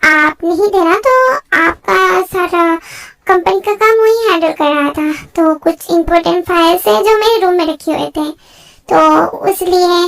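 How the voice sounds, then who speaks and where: A woman voicing a young husband who explains himself slowly and hesitantly, in a gravelly voice. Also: very high voice, fairly bright tone, full character voice. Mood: explaining. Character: young man, a calm, reassuring husband.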